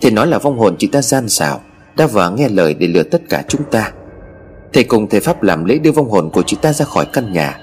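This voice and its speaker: Guy reading a ghost story out loud, very lively up and down voice, faint music behind. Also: fairly low pitch, quick pace. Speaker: story narrator. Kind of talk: scripted first-person ghost story narration.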